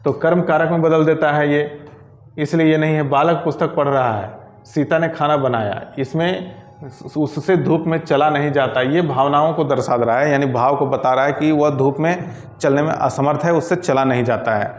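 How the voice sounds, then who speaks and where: A man's voice: on the high side, normal speed, reverberant. A man tutoring Hindi grammar, working through exam questions one by one and reading each correct option aloud. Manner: methodical, repeats answer options aloud.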